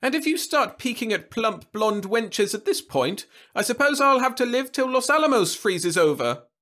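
A man's voice: sits high, wildly swooping pitch, moderate pace, fairly bright tone, slightly rough, pitched above the performer's own voice, heavily acted. Man putting on a haughty, snappish old woman. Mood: snapping. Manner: snappish, scornful. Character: haughty sharp-tongued old woman scientist.

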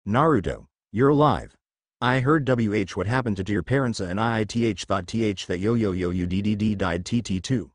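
A man's voice: on the low side, normal speed, no echo, studio quality, natural voice. A man voicing a young woman, a childhood friend, who stammers through sobs in a storybook reading. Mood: tearful.

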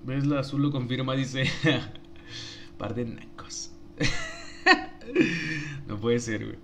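A man's voice: medium pitch, huge pitch swings, drawn-out words, pushed and bright, slight background noise. A young man with a Mexican accent, a streamer joking and laughing as he reads his chat aloud. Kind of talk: casual live-stream chat.

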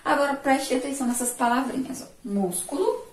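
A woman teacher with a Sergipe Brazilian accent, giving a remote lesson, stretching syllables slowly and praising her pupils' answers. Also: on the high side, darkish tone. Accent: Sergipe Brazilian Portuguese. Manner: slow, drawn-out syllables, asks pupils questions and praises answers. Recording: echoey room, voice far from mic.

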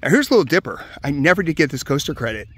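A man from the Hershey area of Pennsylvania walking through a closed amusement park outdoors, giving relaxed, casual commentary with many "uh"s into a handheld camera. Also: fairly high pitch, fast, husky, no echo. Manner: relaxed, chatty, many "uh" fillers. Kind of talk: casual walk-around commentary.

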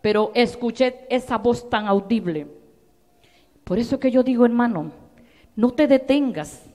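A woman pastor preaching a sermon with personal testimony, moving between soft asides and loud exhortations. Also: a little high, measured pace, long reverb tail. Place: church sanctuary.

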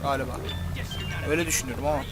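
A man hosting a gaming channel, giving casual gameplay commentary, excitable and cursing at the game as he plays. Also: mid-range voice, rapid-fire. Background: game music.

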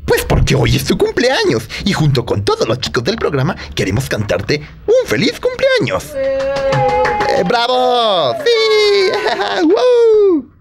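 A performer voicing a playful, excitable male puppet who hosts a children's show, in a theatrical, exclamatory way. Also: medium pitch, normal speed, few pauses, over music. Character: lively mustached male puppet, playful, pleading show host. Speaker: children's religious show host.

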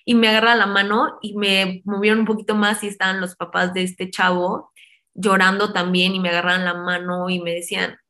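A young woman in her twenties with a Mexican Spanish accent, a guest in an interview, telling a personal story in a lively, chatty way and acting out the voices of the people in it. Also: mid-range voice, brisk. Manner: animated, acts out quoted voices, fond of diminutives.

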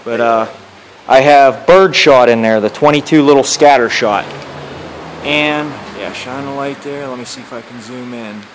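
A man's voice: mid-range voice, moderate pace, poor audio. A man filming himself in a large barn with a handheld phone camera, giving laid-back, joking commentary to the camera. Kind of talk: casual self-filmed commentary.

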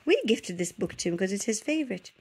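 A woman's voice: medium pitch, lively intonation, fast, slightly rough. A woman, a mother reading a picture book aloud to her child, chatty and often stopping to talk with them.

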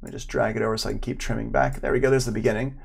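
Streaming live from a room at home, a middle-aged audio production instructor chats and thinks aloud as he demonstrates in an informal lesson. He talks rapid-fire in a flat, mid-range voice that's gravelly with a breathy edge.

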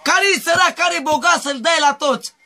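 A man's voice: very high voice, bright, forceful tone. A man from Mehedinți in a street interview, rambling and repeating his pleas over and over. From Mehedinți, Romania. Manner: rambling, repetitive pleading.

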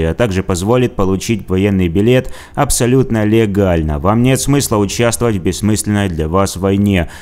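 A man's voice: lowish voice, a little mellow. Sarcastic man narrating a commentary video. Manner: sarcastic, mocking. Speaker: video blogger. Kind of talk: scripted commentary.

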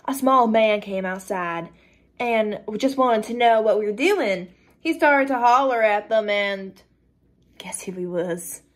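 A woman's voice: mid-range voice, a little slow, lightly acted. A woman voicing a callous young female cult member who brags coldly about violence, reading a dramatic script. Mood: boastful. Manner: boastful, coldly matter-of-fact with bursts of excitement.

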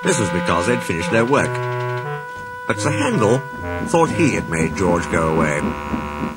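Expressive male storybook narrator. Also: sits low, measured pace. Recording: reading with background music.

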